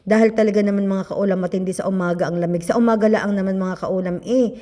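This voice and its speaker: A middle-aged Filipino woman, a little hoarse from a cold, chatting and gossiping to viewers while eating on her food vlog. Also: mid-range voice, fairly even intonation, fast talker, mellow, long reverb tail. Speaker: food vlogger. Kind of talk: casual eating vlog chat.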